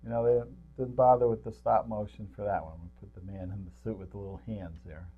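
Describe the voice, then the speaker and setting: Over narrow, tinny audio, a low-voiced man talks quickly and with fairly even intonation. He's a co-host on a local film review show, riffing casually and without a script about movies, joking around and chuckling at what he says.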